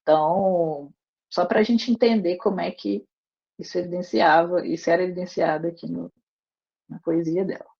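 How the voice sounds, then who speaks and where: A woman teaching a literature class online, explaining step by step and often adding quick tag questions. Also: lowish voice, fairly even intonation, vocal fry, mellow. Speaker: literature lecturer. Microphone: wireless earbuds on a video call. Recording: dull lo-fi online call audio.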